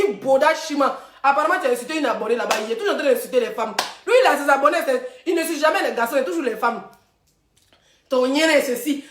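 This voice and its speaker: A woman's voice: sits high, reverberant. A woman hosting a live stream, taunting and chanting insults with laughter. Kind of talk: mocking live-stream rant. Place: room, phone on live stream. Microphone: phone.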